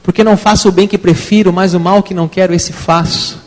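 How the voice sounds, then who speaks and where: Brazilian guy teaching a bible class, chatty, keeps asking the room questions, sounds kinda high, echoey hall. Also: fairly even intonation, brisk. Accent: Brazilian Portuguese. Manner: conversational, asks the class questions, frequent tag questions. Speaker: theology teacher. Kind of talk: evening class lecture. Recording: long hall reverb.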